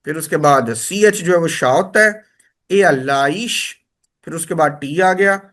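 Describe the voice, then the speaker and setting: A man, teaching a spoken lesson and repeating words slowly to drill each sound. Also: a little high, fairly bright tone. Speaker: language teacher.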